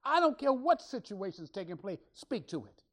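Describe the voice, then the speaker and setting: A woman's voice: mid-range voice, sing-song, brisk. Woman preacher, emphatic, repetitive, call-and-response sermon.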